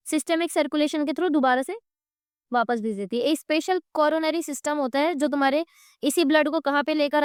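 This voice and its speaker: Teaching an exam-prep class, an Indian-accented woman with a high voice and a little throat soreness keeps questioning her students and answering herself while drawing diagrams on a board. The sound is close and dry, with no echo or room around it.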